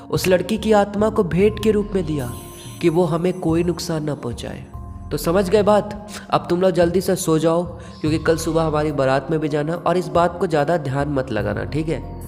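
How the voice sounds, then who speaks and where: A man's voice: fairly high pitch, darkish tone, close to an everyday voice. A man voicing a village uncle who earnestly warns young men about a haunted mansion, in a horror story reading. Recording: long reverb with background music.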